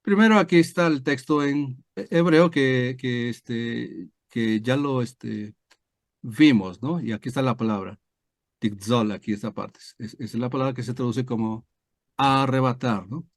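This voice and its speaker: Man, pastor, Bible lesson on a video call, mid pitch, dry sound. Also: a little slow, no room sound. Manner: explanatory, many fillers and tag questions. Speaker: pastor teaching a Bible study. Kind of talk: online screen-share Bible lesson.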